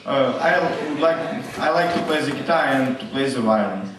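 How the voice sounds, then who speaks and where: A man's voice: medium pitch, expressive, moderate pace, far from the mic, background noise. A man giving a brief self-introduction as a student. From Russia. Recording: echoey hall, crowd behind.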